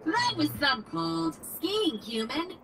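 A woman's voice: extremely high pitch, big pitch swings, slow, creaky, noisy background, heavily acted. A woman voicing a chirpy, cheerful female robot tour guide in a game, who talks in upbeat surfer slang and calls the player "human". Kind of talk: game character dialogue.

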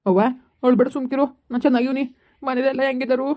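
A woman's voice: sits high, little pitch movement, fast talker, warm tone, natural voice. A woman acting as a young husband thrown out by his family, pleading and self-pitying. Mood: tearful pleading. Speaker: son in a village drama.

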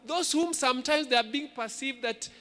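A man's voice: very high-pitched, moderate pace, sharp tone. A man preaching a sermon in an emphatic manner, repeating phrases for stress, speaking into a handheld microphone. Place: indoor church stage at a lectern. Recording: long reverberant hall sound.

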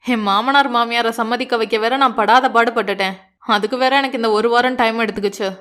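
Woman reader doing a cocky, affectionate young man, quick and playful, a little lower than her own voice. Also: fairly bright tone, lightly acted. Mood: teasing. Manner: teasing, affectionate, self-assured.

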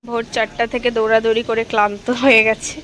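A woman's voice: on the high side, level tone, fast. Young woman from north bengal vlogging at home, chatty, phone mic, noisy house in the background. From North Bengal, India. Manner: chatty, explaining as she films. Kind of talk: casual vlog narration. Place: family home in a village during a home puja.

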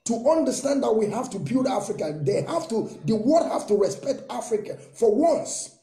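A Nigerian man in his thirties delivers an impassioned monologue, piling up rhetorical questions and repeating his points. His voice sits high but sounds very dark and mellow. The webcam recording carries a roomy echo from the small room. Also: big pitch swings, moderate pace. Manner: fervent and rousing, with lots of repetition and rhetorical questions. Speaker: political commentator.

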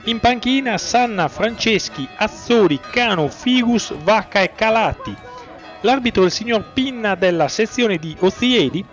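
A man with a very high-pitched voice commentates live on a youth football match at a measured pace. He is excitable, swelling whenever chances and goals come, and the lo-fi audio is dull with faint music.

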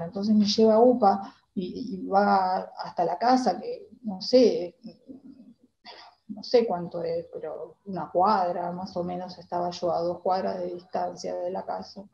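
A woman with an Argentine accent playing a timid young girl in a theater monologue, talking in a hesitant, halting way. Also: medium pitch, steady tone, gravelly, dull audio, close to an everyday voice. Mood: wistful. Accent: Argentine Spanish. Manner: hesitant, halting, many restarts. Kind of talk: theater monologue, reliving a memory.

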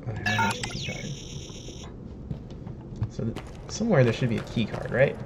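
Streaming a game from his home room with the webcam tucked in a corner, a slightly hoarse young man says he is sick and losing his voice. His voice is on the low side and sing-song at normal speed, as he chats, jokes, laughs at himself, and reads game text aloud in casual let's-play commentary. The audio is very noisy.

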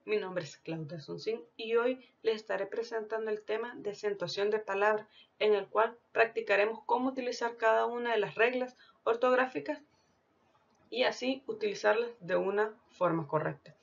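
A woman teacher talks through a prepared lesson as a voice-over for slides. Her voice has a gravelly, creaky edge, and she speaks in a deliberate, explanatory way. The lo-fi recording sounds dull and muffled. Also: a little high. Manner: deliberate, explanatory, reads out lists of example words. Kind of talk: scripted lesson narration.

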